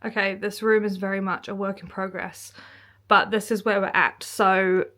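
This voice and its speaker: A young woman talks through her home in a casual vlog. Her voice sits at an ordinary middle pitch. She is bubbly and chatty, dropping plenty of "like" as she goes. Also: level tone, normal speed, fairly bright tone. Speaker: vlogger. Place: at home indoors.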